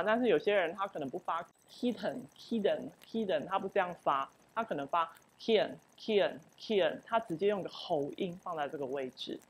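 A woman with a Taiwanese Mandarin accent gives a university linguistics lecture in a low, husky voice. She explains step by step and drags out example words to show how they sound. She often fills pauses with "oh". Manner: explanatory, repeats example words slowly, frequent filler "oh".

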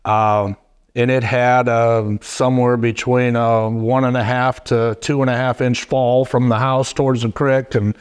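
Middle-aged man hosting a podcast, halting. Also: mid-range voice, flat delivery, clear, resonant tone. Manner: halting, many fillers and restarts. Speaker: podcast host. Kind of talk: casual podcast interview. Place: wood-paneled studio set. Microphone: boom mic on desk stand.

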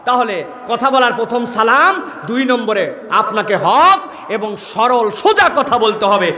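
Man preaching, high voice, sung-out verses, echoey reverb, faint crowd noise. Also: animated, pushed and bright. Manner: chants Quranic verses in long drawn-out melody, calls out to the crowd. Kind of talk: Bengali waz sermon.

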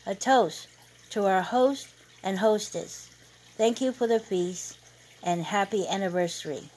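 A woman voicing a loud, teasing gray-haired uncle at a family dinner. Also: medium pitch, unhurried, lightly acted, rough recording. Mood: festive. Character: joking older uncle with gray hair.

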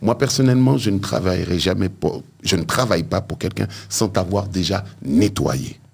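Man, very low voice, husky, vodou priest, studio interview, emphatic. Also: normal speed. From France. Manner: emphatic, repeats key words. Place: radio studio. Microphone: studio mic with headphones.

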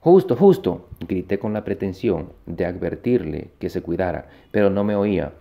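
A man's voice: deep voice, creaky, highs cut off. A man reading a short story aloud in first person, stumbling and restarting words as he goes. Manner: halting read-aloud with frequent restarts. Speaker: reader.

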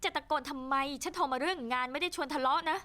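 An actress dubbing a clever, sharp-tongued young woman with brisk retorts for a TV drama. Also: sits high.

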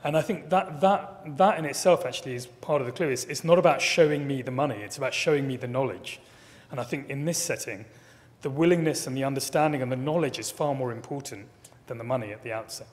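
A man's voice: medium pitch, fast talker. Man answering questions in a hall. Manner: thoughtful, repeats words as he builds points. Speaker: keynote speaker. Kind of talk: conference Q&A answers. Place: large conference hall, at a lectern. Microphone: lectern microphone. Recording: long reverb of a hall.

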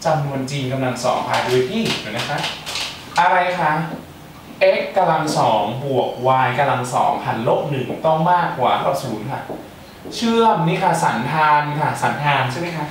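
A man's voice: fairly high pitch, expressive, fairly quick. A young man tutoring students for a math exam, chatty and playful, with joking asides. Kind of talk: exam-prep math lecture. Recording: echoey room, mic far off, faint hiss.

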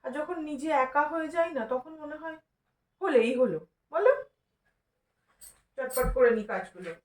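A woman's voice: high-pitched, expressive, moderate pace. Chatty young woman with regional Bengali accent. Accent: regional West Bengal Bengali. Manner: chatty, addresses viewers directly with asides. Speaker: vlogger. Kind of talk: casual daily-life vlog narration. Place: home, moving between rooms and rooftop.

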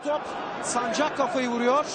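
Man, football commentator, urgent and excited, extremely high pitch, heavy match noise. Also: normal speed. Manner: urgent, excited, rising to shouts. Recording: very noisy crowd-filled match broadcast. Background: roaring stadium crowd.

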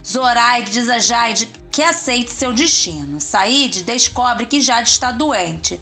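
A woman's voice: on the high side, lively intonation, slow, bright, forceful tone, soft background music. A woman with a Brazilian Portuguese accent narrating a soap opera recap in plain storytelling, reading out the characters' lines in her own voice.

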